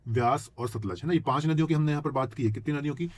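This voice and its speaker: A man teaching geography for exam prep, who keeps asking his students rhetorical check-in questions and clears his throat now and then. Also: a little high, racing. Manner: addresses students as children.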